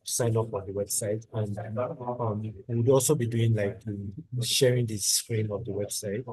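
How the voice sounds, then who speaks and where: A man explaining his part in an online meeting, halting with many fillers. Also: lowish voice, steady tone, a little mellow, husky, low-quality recording. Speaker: presenter. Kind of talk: casual meeting chat. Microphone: video call.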